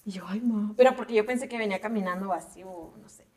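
A woman's voice: mid-range voice, quick pace, darkish tone. A young woman, co-hosting a podcast and animatedly telling a story, acting out her own reactions. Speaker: podcast co-host. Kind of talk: casual chat.

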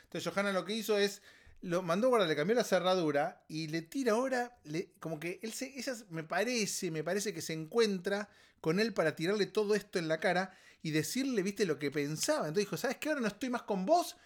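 Argentine dude podcasting, riffing on a song, all worked up, keeps quoting it in a silly voice. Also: male voice, high-pitched, brisk. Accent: Argentine Spanish. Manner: animated, exasperated, mock-quotes lyrics in a put-on voice. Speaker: podcast host. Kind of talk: casual comedic commentary on a song. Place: home recording setup.

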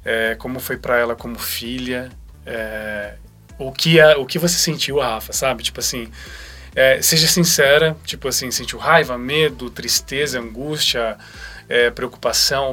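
An interview host asks long, probing questions, circling back and filling pauses as they talk. The pitch sits in a middle range, and faint music plays behind the voice. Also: a bit bright. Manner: probing, rambling questions with many fillers.

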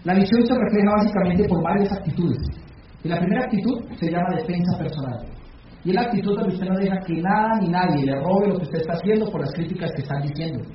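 A man giving a motivational talk to a business meeting, putting questions to the audience and acting out shouted calls. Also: high voice, quick pace, a little hiss or hum. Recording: echoey, dull hall recording from far off.

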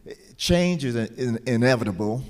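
A man hosting a recorded session, interviewing conversationally in a halting way, rephrasing as he goes. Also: mid-range voice, lively intonation, a little mellow. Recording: long hall reverb.

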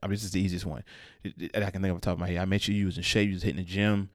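In casual podcast chat, a young male co-host whose voice sits low speaks very fast in a level tone. He rambles, searches for words, and quotes his own thoughts aloud. The recording has clean studio sound and no echo.

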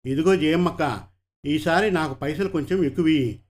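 A man voicing a sly, rough male kidnapper with coarse rustic speech and a wheedling way of talking. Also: on the high side, brisk, lightly acted.

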